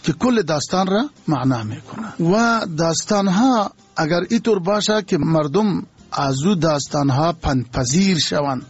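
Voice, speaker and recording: An older man with an Afghan Dari accent talks slowly and formally about poetry, his husky voice sitting a little high. The sound is muffled and dull, like an old radio broadcast. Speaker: poet being interviewed. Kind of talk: radio interview answers.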